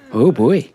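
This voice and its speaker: This streamer plays a role-play character in a survival game, talking to his audience and in persona at once. Laughter breaks into his chatter often, and his pitch rises and falls with lively energy.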